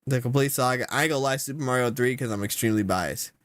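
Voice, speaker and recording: A young man giving casual reaction commentary, slangy and exasperated, with sudden loud outbursts. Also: medium pitch, fast talker, no room sound. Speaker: content creator.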